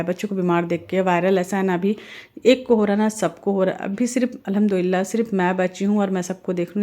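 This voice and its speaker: A middle-aged woman from India chats on in a loose, rambling voice-over while she cooks at home. Her pitch sits in an ordinary middle range, and she drifts from kitchen talk into earnest, faith-filled advice. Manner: chatty, rambling, warm-hearted advice with religious phrases. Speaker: family vlogger and mother. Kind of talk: casual voice-over while cooking.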